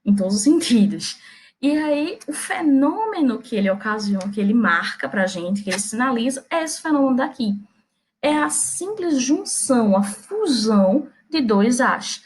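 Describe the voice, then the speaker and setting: A woman with a Brazilian accent and a fairly high voice gives a recorded grammar lesson. She explains each point step by step and keeps checking that her students follow along. Her delivery is chatty and playful, with small jokes along the way. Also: very animated, normal speed. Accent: Brazilian Portuguese. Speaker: Portuguese teacher.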